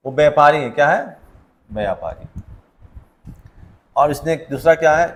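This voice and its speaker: A man's voice: a little high, animated, measured pace, fairly bright tone. A male teacher going through test answers with students in a classroom, conversational and full of questions to them. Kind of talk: classroom test solution lecture.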